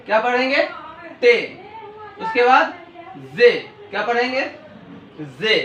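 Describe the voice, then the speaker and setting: Male language teacher, high and bright voice, repetitive question-and-answer drilling, recorded off-mic with room echo. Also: slow, muffled recording, slight background noise. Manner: call-and-response drilling, asks and answers his own questions. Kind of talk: classroom-style alphabet lesson. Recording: echoey room, distant mic.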